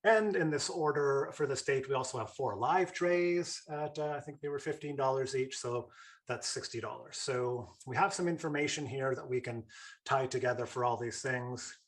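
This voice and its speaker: A male webinar presenter with a mid-range voice talks at a normal speed. He delivers an online lesson casually and chattily, full of fillers and repeated starts.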